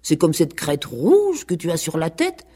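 Proud prim goose, read by a woman; haughty, disdainful, animated. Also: sits low, measured pace, husky, heavily acted. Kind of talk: radio play reading.

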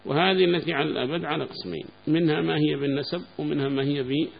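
A male teacher with a gravelly, fry-edged voice works through a classical legal text, repeating key terms and putting questions to his students. The recording is dull and lo-fi, with a faint hum underneath. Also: fairly high pitch, steady tone, quick pace. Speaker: teacher of Quranic law.

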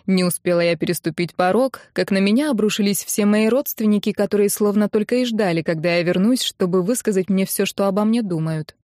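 A woman narrating a first-person novel in a steady storytelling voice. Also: mid-range voice, fairly quick, hardly any pauses, dry recording, clean studio sound. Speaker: audiobook narrator.

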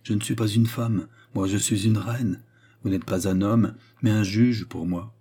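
Man reading a proud, bitter queen in an audiobook novel; husky, dark tone. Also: lowish voice, steady tone, unhurried. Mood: proud, angry.

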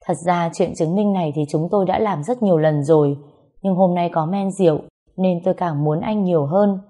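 A woman with a low, mellow voice telling a first-person story. She narrates in a steady, even way, warm in tone and never sharp. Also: a little fast.

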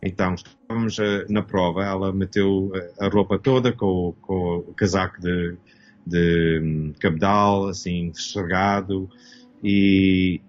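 Low-voiced hesitant Canadian-born man. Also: fairly even intonation, a little slow, muffled recording. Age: 50s. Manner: hesitant, searching for words, many restarts. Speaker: guest costume designer. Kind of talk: casual interview talk.

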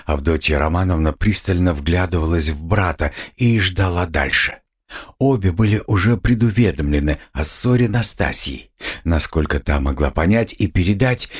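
A man narrates a classic novel in a measured, storytelling way. His voice sits very low and has a husky grain to it. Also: expressive. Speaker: audiobook narrator. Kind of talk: scripted narration.

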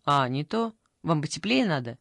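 A woman voicing a brisk, strict young female phone operator in an audiobook, pushy and salesy, recorded dry and close. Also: sits low, very animated, creaky, fairly bright tone, no echo, heavily acted. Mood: pushy selling. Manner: pushy, salesy, rattling off offers. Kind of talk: audiobook character voice.

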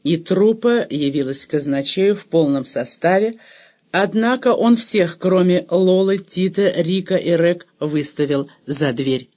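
High-voiced male audiobook narrator. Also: a little mellow. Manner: measured, literary reading. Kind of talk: scripted narration.

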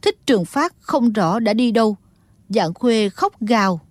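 A woman's voice: fairly high pitch, measured pace, no room sound. Woman narrating a wuxia audiobook. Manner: steady storytelling tone. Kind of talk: dramatic scripted narration.

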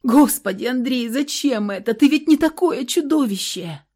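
A woman's voice: medium pitch, expressive, moderate pace, mellow, close to an everyday voice. A woman voicing a frightened young wife in an audiobook, speaking in a trembling, pleading way. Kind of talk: audiobook character reading.

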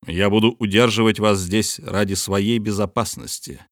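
Cold proud submarine captain, a man reading him, talks slow and firm, lowish voice, dry audio. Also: fairly even intonation, no echo, close to an everyday voice. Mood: stern. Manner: cold, measured and authoritative.

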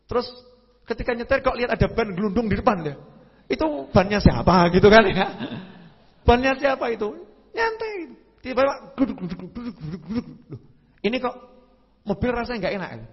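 A high-pitched, husky male preacher, telling stories with sudden pitch leaps and voiced sound effects. The recording is dull and lo-fi, with a long hall reverb behind his voice. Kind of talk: religious lecture.

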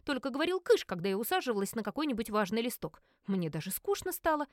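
A woman narrating an audiobook in the first person, wry and expressive. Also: fairly high pitch, fast, dry recording, studio quality.

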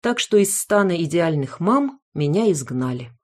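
A woman's voice: lowish voice, big pitch swings, moderate pace. A woman narrating an audiobook in the first person, in a wry, self-mocking manner.

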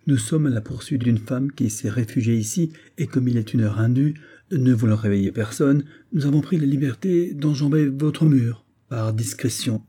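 A man's voice: mid-range voice, normal speed, warm tone, breathy edge, natural voice. A man voicing a sarcastic, insolent Swedish grenadier who mocks an officer with cool irony. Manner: mocking, coolly ironic.

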